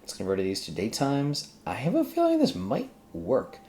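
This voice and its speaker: In this screen-recorded coding demo, the tutorial host speaks in a mid-range voice at a moderate pace, with huge swings in pitch. Thinking aloud, they make casual, exclamatory remarks to themselves and to the software. The recording carries faint background noise and the sound of keyboard typing.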